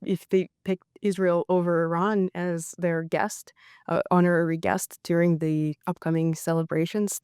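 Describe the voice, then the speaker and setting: A woman's voice: low-pitched, gravelly, darkish tone, clean tone, dry recording, clean studio sound. A woman in her thirties from Russia, a journalist answering interview questions in a thoughtful, hesitant way with many fillers. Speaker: journalist guest.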